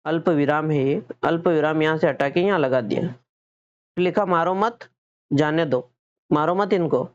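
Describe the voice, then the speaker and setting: A male teacher with a Hindi accent gives an exam-prep lesson, working through exam questions step by step. He asks questions and answers them himself, often repeating and correcting his own words. His voice is on the high side with a clean tone, though the recording sounds muffled.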